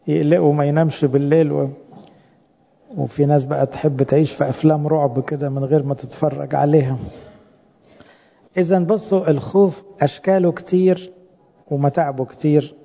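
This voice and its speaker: A man's voice: on the high side, vocal fry, big-room sound, lo-fi sound. A man with an Egyptian Arabic accent preaching a sermon, asking the congregation rhetorical questions.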